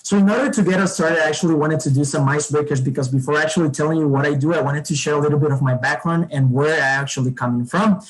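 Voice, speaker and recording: A man's voice: fairly high pitch, fairly even intonation, fast talker, hardly any pauses, poor audio. Earnest young man. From Honduras. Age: young adult. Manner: earnest, enthusiastic, repeats "actually" often. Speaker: panelist. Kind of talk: virtual roundtable presentation. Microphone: video call.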